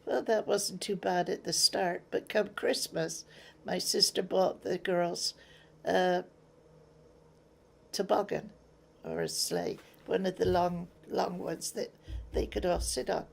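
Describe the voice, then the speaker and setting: Her voice sits on the low side, steady and slow, with some vocal fry. She's an older woman from England, English-accented, telling interview stories in a plain-spoken way and voicing the exchanges she remembers.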